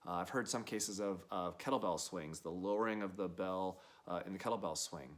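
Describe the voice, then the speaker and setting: A middle-aged man with a deep, low voice explains a health topic informally to the camera. He is a gym owner and coach who talks calmly and plainly, often pausing on filler sounds. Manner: calm, plain-spoken, frequent uh fillers.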